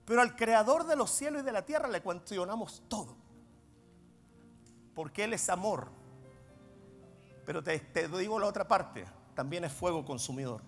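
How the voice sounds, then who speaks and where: A man preaching a sermon, swinging between loud emphatic declarations and low, intense asides. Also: expressive, normal speed, long pauses, faint music behind. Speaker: apostle preaching. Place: church hall. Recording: long reverb of a large hall.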